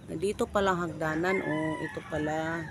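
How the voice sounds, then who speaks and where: A woman's voice: sits low, fairly even intonation, normal speed, noisy background. Brief: out-of-breath woman vlogger with a Cebuano accent, chatty, recorded outdoors on a phone. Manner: breathless, chatty, laughing often. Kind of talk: casual vlog, walking and chatting. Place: outdoors, hillside village.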